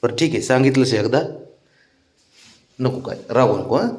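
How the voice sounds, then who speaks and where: A man's voice: medium pitch, moderate pace, darkish tone. A man talking to his pet cat, coaxing and cajoling it in affectionate baby talk. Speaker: cat owner.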